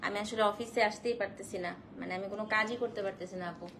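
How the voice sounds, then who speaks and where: A woman hosting a casual live stream to sell saris, feverish and in pain, speaking slowly and softly and mixing in English phrases. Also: mid-range voice, fairly even intonation, noisy background. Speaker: online shop owner selling saris on a live stream.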